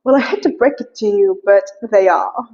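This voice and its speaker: A woman voicing a confident, sharp-tongued young woman who sounds breezy and dismissive. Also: medium pitch, normal speed, lightly acted. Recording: muffled lo-fi recording.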